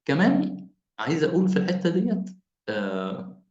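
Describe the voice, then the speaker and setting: Over a video call, a man with an Egyptian Arabic accent gives an online lecture to parents, speaking quickly with a lively, swinging pitch. He is animated and explains by restating his points in repeated phrases, while the audio comes across roomy and muffled, like lo-fi call sound.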